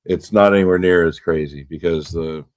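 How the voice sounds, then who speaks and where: Male podcast host, very low voice, dry sound, rambling and blunt. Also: steady tone, moderate pace, darkish tone, no echo. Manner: rambling, repeats words, swears when riled. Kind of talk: casual political chat.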